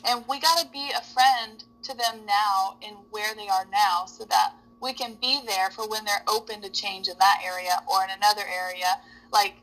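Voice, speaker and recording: Earnest, bright-voiced woman musing. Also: medium pitch, steady tone, moderate pace, low-quality recording. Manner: earnest, searching, many "like" and "you know". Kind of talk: reflective casual talk.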